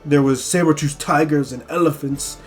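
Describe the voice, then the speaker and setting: A man's voice: fairly high pitch, steady tone, normal speed, loud music behind the voice, lightly acted. A man voicing a boastful, defensive traveling storyteller in a tabletop game, rambling and hesitant as he insists on his tales. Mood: defensive, insistent.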